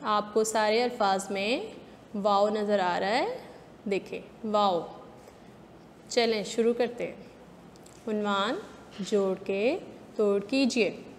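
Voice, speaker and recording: A woman's voice: mid-range voice, slow pace, pauses often. A woman kindergarten teacher with a Pakistani Urdu accent, patiently sounding out letters syllable by syllable in a spelling lesson for young children. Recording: long reverb, faint background noise.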